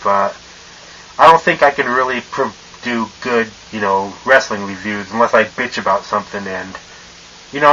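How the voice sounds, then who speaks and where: A man's voice: fairly low pitch, sharp tone, a little hiss or hum. A young man in a casual, profane vlog rant, his voice muffled by a mask he wears, rambling with lots of fillers and tongue-tied stumbles. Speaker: vlogger.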